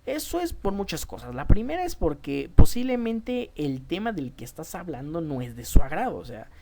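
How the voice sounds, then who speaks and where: A woman's voice: deep voice, very animated, moderate pace, dark tone, a little hiss or hum. A woman with a Mexican Spanish accent, a teacher giving a public speaking lesson, emphatic and addressing her students directly, often restarting words.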